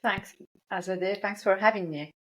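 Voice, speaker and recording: Woman, 40s, remote interview guest, raised in France, measured delivery with frequent pauses. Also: medium pitch, a bit bright. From Iran, raised in France. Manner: measured, many hesitations. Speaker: guest, lawyer and rights activist. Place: home in Paris.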